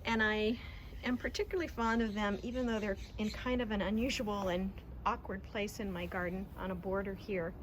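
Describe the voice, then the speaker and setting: A woman's voice: medium pitch, fairly even intonation, brisk, slight background noise, low-quality recording. A woman giving a casual, chatty garden tour, talking with enthusiastic affection about and to her plants outdoors. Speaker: garden vlogger.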